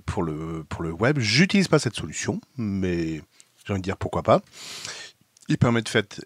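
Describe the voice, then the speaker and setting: A man's voice: on the low side, no echo. A man with a France French accent, a video blogger chatting casually and explaining a website step by step as he thinks aloud. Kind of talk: casual screen demo. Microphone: headset.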